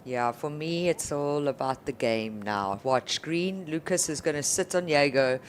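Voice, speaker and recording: Female surf contest analyst, deep register, colloquial and appreciative, slightly noisy rumbling recording. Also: animated, unhurried. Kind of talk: conversational sports analysis.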